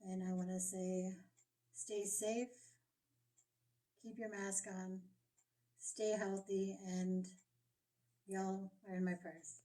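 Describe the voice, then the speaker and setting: A woman from South Dakota addresses powwow participants as head judge. Her voice is soft-edged and mellow with very little rise and fall. She is recorded a little way from the microphone. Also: mid-range voice, flat delivery, takes it slowly, long pauses. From South Dakota, USA. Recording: distant microphone.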